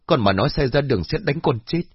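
A distraught young village woman pleads and swears she is innocent, her raised voice cracking with tears, as a male narrator puts her on. The voice is husky, and the recording is dull and lo-fi. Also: medium pitch, animated, fast, dry recording, voice pushed up. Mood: tearful pleading.

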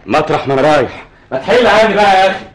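A man's voice: fairly low pitch, very animated, slight background noise. A jumpy, evasive Egyptian young man. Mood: tense, evasive. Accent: Egyptian Arabic. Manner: halting, snapping. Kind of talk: radio drama acting.

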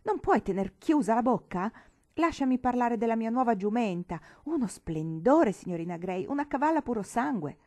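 A woman reading an audiobook, voicing a brash, horse-mad teenage girl who talks loudly and keeps interrupting. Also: mid-range voice, lively intonation, a little fast, close to an everyday voice. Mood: boisterous. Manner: loud, blustering, interrupting.

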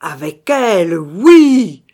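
A woman voicing a vengeful male ghost warrior in an audiobook, declaiming loudly through clenched teeth. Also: on the low side, animated, slow pace. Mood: furious. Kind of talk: audiobook reading.

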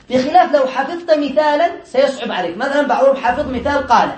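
Male teacher, high voice, explains step by step, laughs often, heard from a distance. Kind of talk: classroom grammar lesson. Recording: echoey room, mic far away.

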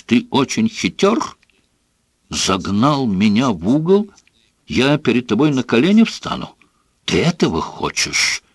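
A man voicing a furious, bullying middle-aged father in an audiobook, shouting and scornful. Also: medium pitch, no room sound, pitched above the performer's own voice, heavily acted. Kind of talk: audiobook character voice.

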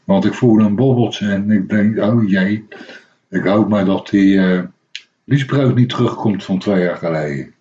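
A man's voice: lowish voice, normal speed, mellow, slight background noise. Rambling man on local radio. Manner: rambling storyteller, many hesitations and restarts. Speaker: radio host. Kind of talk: casual anecdotal radio chat. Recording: dull lo-fi radio recording.

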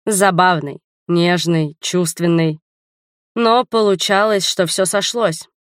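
A woman voicing a drowsy, teasing young male spy in an audiobook, speaking low-key and unhurried. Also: smooth, no echo, studio quality.

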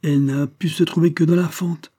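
A man's voice: mid-range voice, expressive, fairly quick, dark tone, breathy edge. A man voicing a young male soldier accused of spying, who protests and pleads in an audiobook. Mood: panicked. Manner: protesting, pleading with rising intensity. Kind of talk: audiobook character voice.

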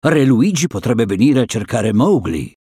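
A man voicing a cautious, stern male panther who scolds in a measured way. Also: medium pitch, very animated, dark tone, slightly rough, dry recording, clean studio sound.

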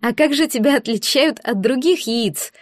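A woman's voice: high voice, normal speed, no echo, clean studio sound, lightly acted. A woman voicing a cautious, skeptical young female student friend. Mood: wary.

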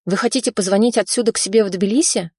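A woman's voice: mid-range voice, fast, a little mellow, husky, dry recording, clean studio sound, voice pushed up. A woman reading the part of a tall, cautious but kind young woman who questions her guest. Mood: questioning. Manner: questioning, surprised.

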